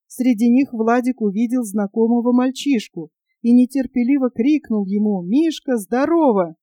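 Expressive woman reading a storybook. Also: a little high, moderate pace, no room sound. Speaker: narrator. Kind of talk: audiobook reading.

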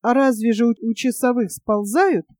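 A sensible young boy from a storybook, steady and a little condescending, quick to scold, as a woman voices him. The voice is fairly high and mellow, close-miked and dry. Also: no room sound. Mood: reassuring. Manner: reassuring, then scolding.

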